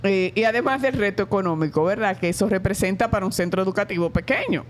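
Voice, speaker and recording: A middle-aged woman from the Dominican Republic with a Dominican Spanish accent, a school director answering interview questions in a reflective way, with many pauses and hesitations. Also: medium pitch, a little hiss or hum.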